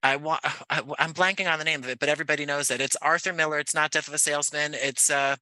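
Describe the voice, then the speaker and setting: A playwright and director from Jersey City, in the United States, appears as a guest on a casual podcast, telling stories in a discursive, chatty way. His voice is a little high, bright, clear, and resonant, with a forceful, steady tone and a quick pace. There's no room sound on the recording.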